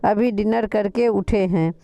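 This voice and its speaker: A woman voicing an older father who speaks gently and reassures his son. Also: mid-range voice, unhurried, gravelly, no room sound. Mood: reassuring. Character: older father figure, caring and steady.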